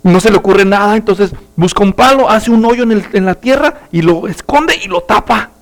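A male pastor, preaching and telling a story in an animated way. His voice sits high for a man. Soft music plays quietly beneath him. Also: normal speed. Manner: animated, acts out characters. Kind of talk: sermon with storytelling.

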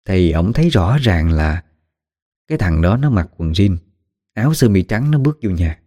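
A man's voice: deep voice, big pitch swings, moderate pace, warm tone, dry recording, clean studio sound. A man with a Southern Vietnamese accent narrating a ghost story in a conversational way with dramatic asides. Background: faint music.

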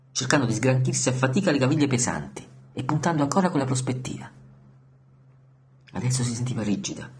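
A man reading a novel aloud in a measured, soft narration that sometimes drops near a whisper. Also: mid-range voice, a little hiss or hum. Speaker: audiobook reader. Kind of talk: scripted literary narration.

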